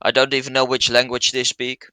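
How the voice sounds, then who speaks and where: A man's voice: mid-range voice, monotone, a little fast, bright, forceful tone, clear, resonant tone, dry recording, rough recording. A man with a Flemish accent playing in a tabletop game, stammering and repeating words. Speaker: player.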